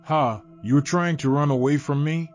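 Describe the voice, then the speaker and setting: A man's voice: fairly high pitch, normal speed, faint music behind, lightly acted. A man voicing an aggressive, mocking young male passenger in a horror story. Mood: taunting. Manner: taunting, belligerent.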